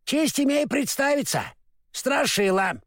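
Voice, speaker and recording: A man's voice: very high voice, animated, measured pace, fairly bright tone, no room sound, studio quality, pitched above the performer's own voice, heavily acted. A man reading a storybook and voicing a naive, cheerful male scarecrow who stammers and mixes up his words. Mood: eager. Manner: stammers, mixes up words then corrects himself.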